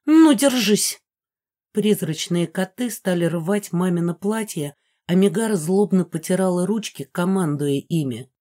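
A woman narrating an audiobook in the first person with lively, expressive storytelling. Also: on the low side, normal speed.

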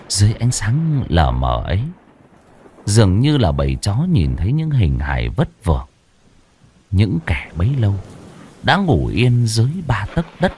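Husky, dramatic male storyteller. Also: lowish voice, a little mellow. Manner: dramatic, slowing for suspense. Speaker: audiobook narrator. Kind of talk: horror story narration.

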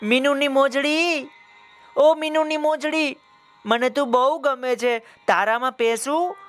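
Little storybook rabbit, sweet and polite, high voice done by a man. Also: steady tone, slow pace, fairly bright tone, faint music behind, heavily acted. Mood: asking sweetly. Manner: sweet, asking nicely.

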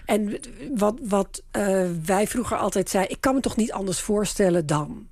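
A woman's voice: medium pitch, normal speed, darkish tone, no room sound. A woman who works as a communication adviser, explaining political strategy step by step on a radio panel. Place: radio studio.

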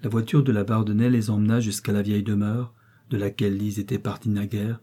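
Brief: male narrator for a period novel, dark and slightly breathy, steady pace. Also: on the low side, a little fast. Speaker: audiobook narrator.

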